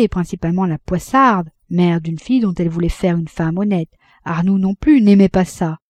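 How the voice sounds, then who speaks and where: A woman reading a classic novel aloud as an audiobook narrator, measured and even. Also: on the low side, dry recording. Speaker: audiobook reader.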